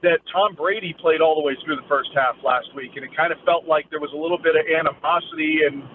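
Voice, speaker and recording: A man's voice: fairly high pitch, steady tone, fast. A man giving a live, conversational news field report as a sports reporter, phrasing his analysis loosely over a remote phone link. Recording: phone-like narrowband line with faint noise.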